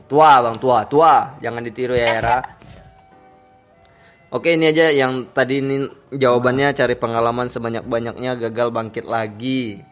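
A man's voice: mid-range voice, fairly even intonation, moderate pace, a bit bright. A man hosting a casual, joking podcast chat, often repeating words for emphasis. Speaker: podcast host. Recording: music behind the voice. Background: background music.

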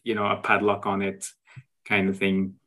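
A talk show guest sharing travel photos explains what he found on his travels in a conversational way, frequently ending points with a tag question and restarting phrases. His voice is deep, pushed and bright, completely flat in delivery, at a moderate pace.

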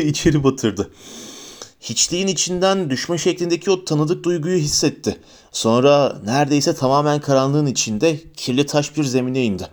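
A man narrating a fantasy novel as an audiobook, with a steady, expressive reading. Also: fairly high pitch.

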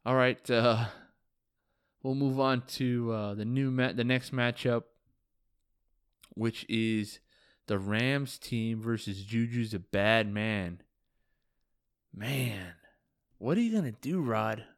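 A man's voice: mid-range voice, little pitch movement, slow, clear, resonant tone, no echo, studio quality. A man hosting a casual fantasy football podcast, joking loosely, swearing now and then and ribbing his league friends while sounding tired. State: tired, yawning. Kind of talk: casual solo podcast recap.

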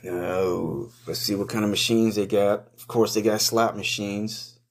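A man's voice: on the low side, fairly even intonation, a little slow. A man giving casual, improvised first-person commentary in a crude, profane, slangy way, blunt and mocking as he goes.

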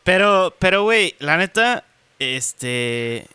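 Drunk Mexican podcast co-host, rambling and slurred, high bright tone. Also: male voice, sing-song, takes it slowly, smooth, dry recording. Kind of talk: casual chat. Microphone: remote call.

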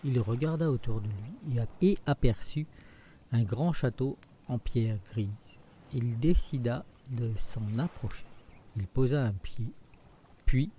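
A man reads a fairy tale aloud in a steady storytelling voice. His tone is mellow and warm, with a faint hiss of noise under the recording. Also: medium pitch, measured pace. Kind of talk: scripted storybook narration.

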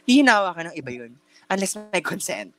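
A man's voice: high voice, big pitch swings, a little fast, a bit bright. A young man co-hosting a casual podcast, telling a story in chatty mixed Tagalog and English with lots of fillers and campy slang. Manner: chatty Taglish storytelling with many fillers and restarts. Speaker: podcast co-host. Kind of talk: casual chat.

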